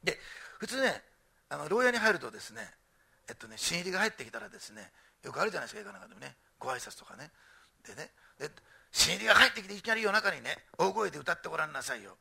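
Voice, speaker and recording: A man preaching a sermon, animated, swinging from loud emphatic repetition to soft asides. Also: a little high, rapid-fire, creaky, slightly rough. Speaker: pastor.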